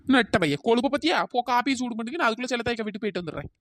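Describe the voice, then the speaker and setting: Voice actor doing a cartoon wife, pitch-shifted, melodramatic, bossy, suspicious, fast-talking. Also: lively intonation, fairly bright tone, no room sound, clean studio sound. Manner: wailing, accusing, melodramatic. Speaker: cartoon character. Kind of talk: comic cartoon dialogue.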